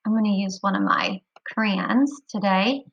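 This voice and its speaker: A woman teaching a kindergarten phonics lesson online, speaking clearly and encouragingly to young children. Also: medium pitch, measured pace, highs cut off.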